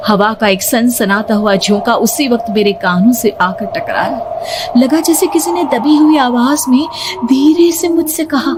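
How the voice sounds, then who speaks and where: A young woman tells a cartoon horror story in the first person, unhurried and high in pitch. Her tense, breathless telling breaks into sudden cries, over faint background music.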